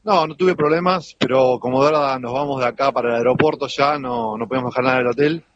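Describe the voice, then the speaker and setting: A man with an Argentine Spanish accent, a football fan interviewed in a queue outside a stadium, giving brisk, informal answers. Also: mid-range voice, highs cut off, slight background noise.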